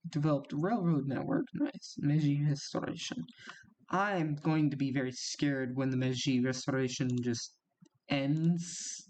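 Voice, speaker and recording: A man talks through his strategy game in a relaxed, unhurried way, his voice sitting a little higher than most. He muses aloud and reacts to each turn with small exclamations. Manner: chatty, reacts aloud with gasps and laughs while playing. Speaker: gaming YouTuber. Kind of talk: casual strategy game commentary.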